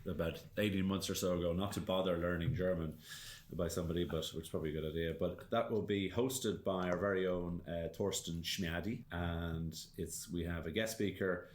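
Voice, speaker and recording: A man co-hosting a casual business podcast, playful and quick to agree. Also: low voice, fairly even intonation. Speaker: podcast co-host. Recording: echoey room with faint noise.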